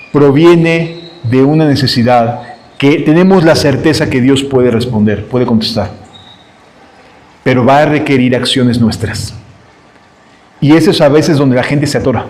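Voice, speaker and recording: A man's voice: medium pitch, a little mellow, rough recording. A man preaching a sermon, emphatic, acting out the cries and voices of the scripture story.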